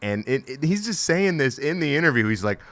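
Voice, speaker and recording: A man's voice: on the high side, big pitch swings, a little fast, a bit bright. A man co-hosting a comedy podcast, telling stories with many hesitations and fillers. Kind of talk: casual comedy podcast chat.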